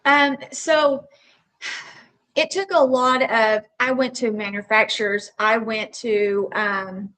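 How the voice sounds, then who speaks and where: A woman's voice: a little high, steady tone, takes it slowly, a bit bright, low-quality recording. A woman from the Texas Panhandle with a Texas accent and a drawl, telling stories casually as a podcast guest. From Texas Panhandle, United States. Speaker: podcast guest, roofing company owner. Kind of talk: casual conversational storytelling.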